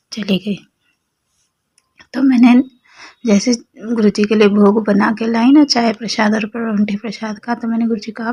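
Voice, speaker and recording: A young woman with a Delhi Hindi accent tells a devotional testimony in a fervent, personal way, speaking straight to the congregation. Her throat is slightly sore, which adds a little roughness to her voice. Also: a little high, a little mellow. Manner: addresses listeners as sangat ji, fervent and personal. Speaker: devotee sharing satsang experience.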